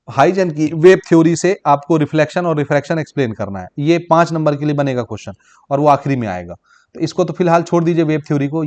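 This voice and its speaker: A man with a Chhattisgarh Hindi accent giving a brisk exam-prep physics lesson, calling his students brother and child. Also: fairly high pitch, darkish tone. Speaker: physics teacher.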